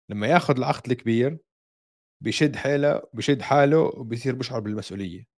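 Male sports podcast co-host, Palestinian-Jordanian Levantine accent, rapid conversational delivery, mid-range voice. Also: mid-range voice, a little mellow. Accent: Palestinian-Jordanian Levantine Arabic. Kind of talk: casual sports chat.

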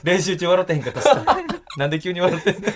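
Laughing Kansai man, lively pitch. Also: racing, a crowd in the background. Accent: Kansai Japanese. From Osaka, Japan. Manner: laughs often, lively and self-mocking. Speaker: radio show regular. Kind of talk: casual comedy radio chat.

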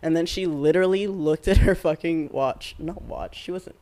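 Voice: medium pitch, moderate pace, a little mellow. Laughing twenty-something podcast storyteller. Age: 20s. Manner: laughs often while telling stories. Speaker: podcast co-host. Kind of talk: casual storytelling chat.

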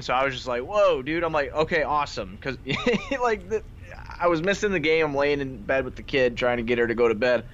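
Male podcast host, informal and slangy game talk, average pitch, slightly dull audio. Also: a bit bright. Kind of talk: casual game recap chat. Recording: dull lo-fi sound with faint noise.

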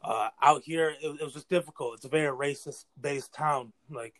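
Appearing as an interview guest, an eighteen-year-old American battle rapper from New York State rambles earnestly and casually, using lots of slang. His voice is on the high side and a bit bright, at a moderate pace.

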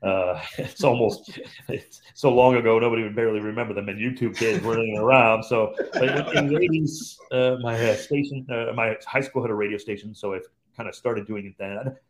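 A Cleveland, Ohio radio sports commentator in his fifties tells his career story as a podcast guest, relaxed and reflective. His medium-pitched voice moves a little fast, with slight background noise behind it.

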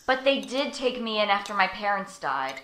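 A woman voicing a mistreated orphan boy who talks in a whiny, excitable way. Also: medium pitch, moderate pace, a little hiss or hum. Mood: exasperated. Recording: echoey room.

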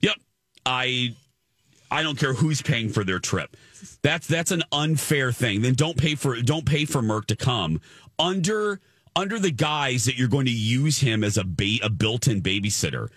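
A man co-hosting a radio call-in show, giving firm opinions in a casual, animated way. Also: medium pitch, a little slow, no room sound, studio quality. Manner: animated, opinionated, many restarts. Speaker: radio co-host.

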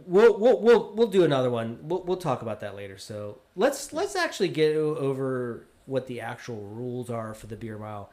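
A man's voice: mid-range voice, moderate pace, hardly any pauses. Easygoing man cohosting a podcast. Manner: easygoing, laughs often, reads aloud flatly. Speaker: podcast co-host. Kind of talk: casual chat.

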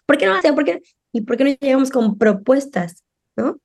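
A woman's voice: sits high, normal speed, gravelly. A middle-aged woman, a parenting guest on a podcast, speaking in casual conversation and acting out the voices of parents and children. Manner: animated, acts out quoted parents and children.

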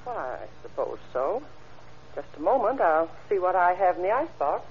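An actress in an old-time radio crime drama plays an observant, obliging woman giving careful witness testimony, helpful and matter-of-fact. Her voice is on the low side and sing-song at normal speed, and the recording is muffled with background hiss.

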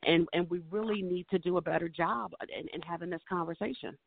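A woman's voice: fairly low pitch, steady tone, brisk, gravelly, a little hiss or hum. A woman co-hosting a call-in talk show, speaking thoughtfully with many fillers. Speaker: guest co-host. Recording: dry tinny phone line.

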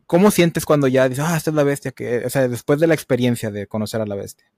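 A man's voice: mid-range voice, fast, darkish tone, no echo, clean studio sound. A man hosting a podcast interview, asking questions conversationally with some repeated words. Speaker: podcast host. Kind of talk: casual interview.

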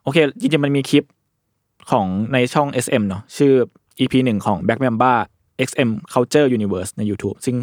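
A man's voice: medium pitch, normal speed, a little mellow, no room sound, clean studio sound. A man hosting a casual podcast discussion, explaining ideas at length with fillers and casual swearing. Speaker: podcast host.

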